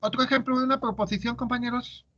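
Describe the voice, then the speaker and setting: High-voiced man teaching a class. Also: fairly even intonation, fast talker, sharp tone, husky. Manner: asks students questions, explains step by step. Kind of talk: classroom lecture. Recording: muffled lo-fi audio.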